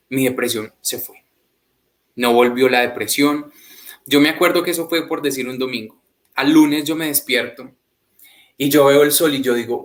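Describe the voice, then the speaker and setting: A man's voice: mid-range voice, a bit bright. A young man, earnestly telling his personal faith testimony in a reflective way. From Colombia. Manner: earnest, reflective, quotes others in a raised voice. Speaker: guest giving a faith testimony.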